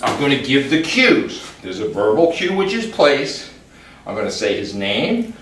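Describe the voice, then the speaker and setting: Calm man demonstrating dog training, echoey room. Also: mid-range voice, measured pace. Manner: calm, explanatory, gives short commands to dogs. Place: room in a house. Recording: echoey room, mic far off, background noise.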